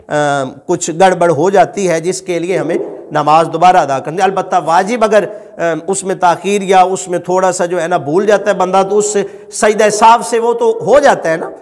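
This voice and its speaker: This man's voice sits high and trails off into a long reverb tail. He's a religious teacher who lectures by restating his points with patience, posing questions to the audience before supplying the answers.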